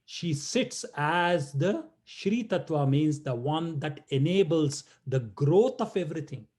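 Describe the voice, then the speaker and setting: A man's voice: on the high side, animated, slow, a little mellow. A man giving a playful talk to children over a video call, teasing and chanting verses. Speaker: guest speaker.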